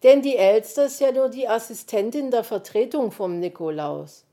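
A woman's voice: a little high, lively intonation, moderate pace, warm tone, voice pushed up. A woman voicing an impatient, scolding male fox. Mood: grumpy. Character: gruff, grumpy male fox.

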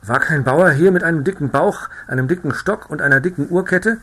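Ein Mann spricht einen wütenden, atemlos schreienden Reiter in einer Hörbuchlesung. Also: male voice, fairly high pitch, fairly quick, a bit bright, pitched above the performer's own voice. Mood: breathless. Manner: shrieking with rage. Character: furious, breathless male horse rider.

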